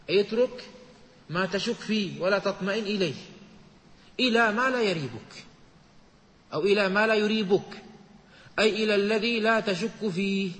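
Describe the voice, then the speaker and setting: A man delivers a measured religious lesson, quoting texts and then explaining them. His voice sits high and sounds bright and forceful. The sound rings with a long hall reverb. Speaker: Islamic scholar.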